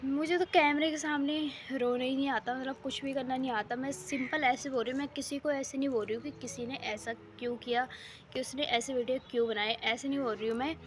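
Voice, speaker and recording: A woman's voice: high-pitched, steady tone, a little fast, a little hiss or hum. A young woman chatting casually in a rambling daily vlog, her throat a bit sore, talking into a handheld phone on a rooftop. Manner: chatty, rambling, full of fillers. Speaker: vlogger. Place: home rooftop, outdoors. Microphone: phone held in hand.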